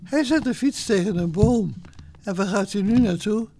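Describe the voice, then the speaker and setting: A woman's voice: fairly low pitch, measured pace, creaky, darkish tone. A woman voicing a worried, bossy female cow in a children's story, speaking in a raised, exclaiming way. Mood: excited.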